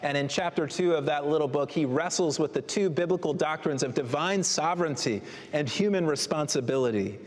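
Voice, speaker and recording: Earnest male pastor, fairly high voice, preaching, long church reverb. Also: a little fast, hardly any pauses. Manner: earnest preaching, rising emphatic exhortations. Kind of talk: sermon.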